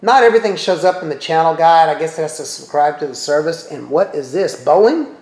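Brisk and animated, a middle-aged man with a high-side, darkish voice walks viewers through a TV streaming service. He thinks out loud and tosses in chatty asides while clicking around. The audio carries a roomy echo.

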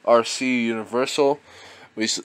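Young male reseller, unhurried, mid-pitched, muses aloud with soft laughs. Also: slight background noise. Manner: relaxed, chuckles often, thinks aloud. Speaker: reseller vlogger. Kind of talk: casual unboxing commentary.

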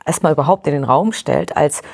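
A woman's voice: sits low, brisk, vocal fry, darkish tone, husky. A woman interviewer asking long, reflective questions and thinking aloud as she goes.

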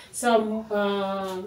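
Kenyan mom chatting in an echoey kitchen. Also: female voice, medium pitch, a little mellow, recorded from a distance. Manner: chatty, unpacking items while talking, drifting from the camera. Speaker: mom vlogger. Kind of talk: casual grocery haul vlog. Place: small home kitchen, indoors. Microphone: camera mic from across the room. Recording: echoey kitchen, off-mic, noisy.

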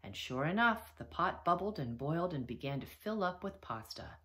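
A teacher reading a children's picture book aloud, with expressive storytelling. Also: female voice, lowish voice, moderate pace. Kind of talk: children's read-aloud narration.

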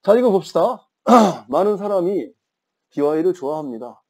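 A man's voice: sits high, sing-song, normal speed, darkish tone. A man in his fifties teaching an English grammar class, telling playful stories and teasing his students. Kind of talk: classroom lecture with chatty anecdotes.

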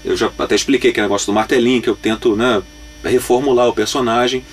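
A man with a Brazilian accent, a voice actor being interviewed, telling stories in a lively way and slipping into different voices. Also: medium pitch, fast talker, distant mic, slight background noise. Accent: Brazilian Portuguese. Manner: animated, lively, acts out quotes in many voices. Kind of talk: casual interview storytelling.

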